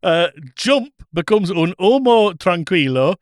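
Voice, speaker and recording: A man's voice: sits high, big pitch swings, unhurried, no echo, clean studio sound. Man chatting with a chuckle. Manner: chuckling, rambling, many fillers. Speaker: podcast co-host. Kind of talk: casual chat.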